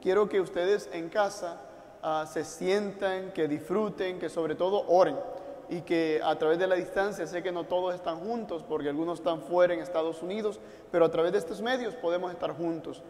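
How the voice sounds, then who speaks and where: Male priest, Puerto Rican Spanish accent, leading mass in a gently pastoral way, echoing through a church. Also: sits high, steady tone, normal speed. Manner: warm pastoral, direct appeals to listeners at home. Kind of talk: liturgical address to an online congregation. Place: church altar. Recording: long church reverb.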